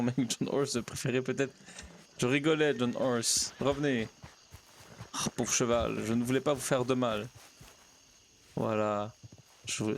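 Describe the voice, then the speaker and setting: A man's voice: medium pitch, a little hiss or hum. A man role-playing a naive pastor in a game, chatting to himself and coaxing his horse. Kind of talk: in-character role-play narration.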